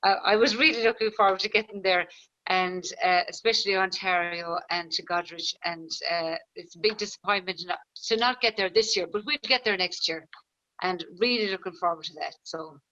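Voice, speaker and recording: A woman's voice: medium pitch, normal speed, bright, forceful tone, dry recording, muffled recording. A woman with a west of Ireland, County Clare accent giving a casual introduction as a band singer.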